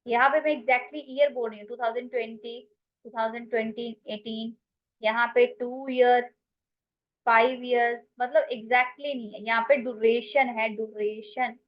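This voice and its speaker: A woman's voice: on the high side, steady tone, normal speed, muffled recording. A woman with an Indian English accent teaching English grammar in an online class, mixing Hindi and English and calling her students "beta".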